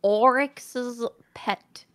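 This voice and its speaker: A woman's voice: on the high side, steady tone, drawn-out words. A woman co-hosting a casual podcast, dropping wry, teasing one-liners. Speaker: podcast co-host.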